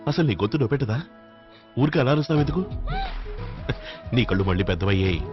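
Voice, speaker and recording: A mysterious young man, voiced by a man teases gently at a mid pitch. He talks very fast. The film audio is dull, with loud music. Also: animated, natural voice. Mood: teasing. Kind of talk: Telugu film dub.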